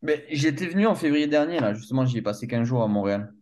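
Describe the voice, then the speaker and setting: A man's voice: medium pitch, lively intonation, quick pace, darkish tone. Brief: hesitant male interviewer, casual. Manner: hesitant, many fillers.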